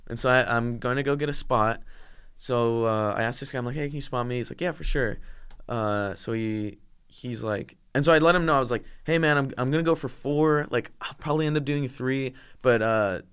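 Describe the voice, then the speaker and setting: Foul-mouthed young man, smooth voice. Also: mid-range voice, a little fast, fairly bright tone. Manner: swears freely, laughs through stories. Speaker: podcast co-host. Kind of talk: casual chat.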